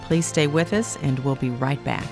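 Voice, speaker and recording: A woman's voice: a bass voice, moderate pace, music in the background. A woman hosting a religious talk program in a conversational way. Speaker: program host.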